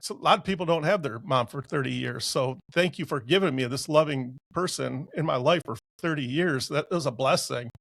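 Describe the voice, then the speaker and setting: A man in his sixties, a podcast guest, telling a personal story in a casual, animated and emotional way. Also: on the high side, brisk, gravelly, hardly any pauses, dry recording. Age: 60s.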